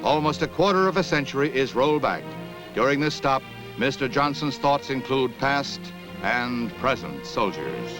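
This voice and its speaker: Over music, a mid-range male announcer gives formal, declamatory narration for an old 1960s newsreel. The low-quality recording sounds like a vintage newsreel soundtrack.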